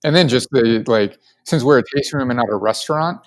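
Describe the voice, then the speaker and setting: In a casual podcast interview, the Colorado-born guest co-founder talks fairly quickly in a mid-range voice. He answers casually and eagerly, sprinkling in lots of filler words.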